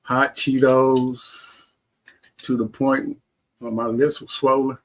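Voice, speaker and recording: An American heart transplant recipient shares personal stories casually as an interview guest, often repeating and restarting phrases. His mid-range voice is slow with little pitch movement, on a low-quality recording.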